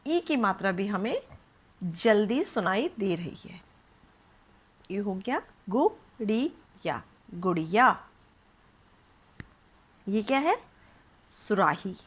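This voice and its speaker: A woman teaching young children to read, spelling words out syllable by syllable with patient questions. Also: fairly high pitch. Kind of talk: children's phonics lesson.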